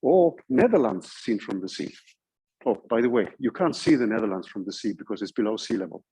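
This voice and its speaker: In a relaxed university lecture going through code, a Norwegian-accented man explains things step by step and checks on his listeners. His lowish, dark, husky voice swings widely in pitch at a fairly quick pace, and the recording is rough.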